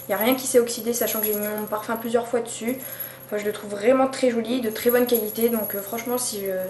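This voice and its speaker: Woman vlogger, higher pitch, chatty and hesitant, roomy home recording. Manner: chatty, hesitant with frequent fillers and restarts. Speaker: beauty vlogger. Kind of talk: casual product haul review. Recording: echoey room with faint background noise.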